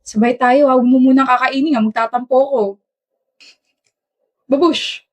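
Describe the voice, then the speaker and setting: A woman's voice: sits high, steady tone, a little slow. A woman acting a teasing sweetheart. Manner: teasing, bickering back-and-forth. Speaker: skit actor. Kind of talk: scripted romantic skit dialogue.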